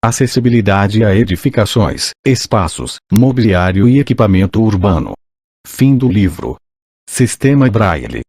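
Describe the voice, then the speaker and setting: A synthesized male voice with a Brazilian accent, like an old speech synthesizer, reading an audiobook in a mechanical, measured way. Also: lowish voice, expressive, darkish tone, breathy edge, no room sound, studio quality. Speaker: audiobook narrator. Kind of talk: scripted audiobook reading of a list of laws and credits.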